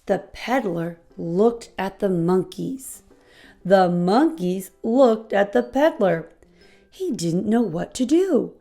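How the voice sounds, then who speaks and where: A woman narrating a children's picture book aloud, expressively, with deliberate emphasis on repeated phrases. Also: mid-range voice, animated, vocal fry, dark tone, faint music behind. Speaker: host reading children's books aloud.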